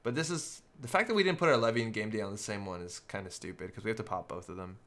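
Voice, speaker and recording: A man's voice: lowish voice, fast talker, fairly bright tone. A man giving live, casual commentary on a card game, thinking aloud as he works through each play step by step.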